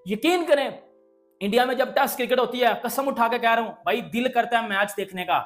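A man's voice: extremely high pitch, brisk, a bit bright, faint music behind. A young man from Pakistan giving brash, slangy, taunting cricket commentary indoors. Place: indoor room.

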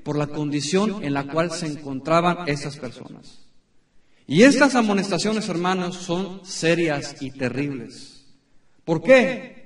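A man in his thirties preaching a sermon in a church, emphatic, with dramatic pauses and repeated phrases. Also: on the high side. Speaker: pastor. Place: church sanctuary. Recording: echoey room from a distance.

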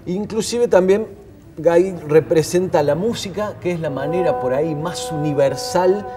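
A man's voice: on the high side, a little slow, over music. A man, co-hosting a TV studio interview and explaining at length on a lapel mic. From Argentina. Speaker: co-host.

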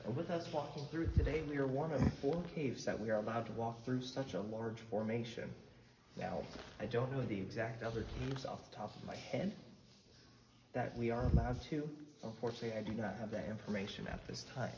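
A man's voice: mid-range voice, brisk. Guy leading a cave tour, polite instructions, echoey and noisy phone recording. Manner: polite, instructive, addresses group as y'all. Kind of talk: guided tour talk. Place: inside a cave. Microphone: phone camera carried by a visitor. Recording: echoey cave with background noise.

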